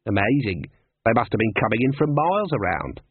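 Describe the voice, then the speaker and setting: A man doing a starry-eyed helper gushing with excitement, his tone slightly husky. The audio sounds tinny, like a phone line, and dry. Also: on the low side, a little fast, no echo, heavily acted. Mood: enthusiastic. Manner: gushing, eager enthusiasm.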